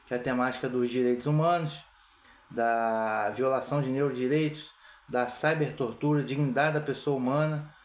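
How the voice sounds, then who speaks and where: A Brazilian man presiding over an association meeting, opening it in a measured, formal way with frequent "tá?" tags. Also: mid-range voice. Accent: Brazilian Portuguese. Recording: echoey room.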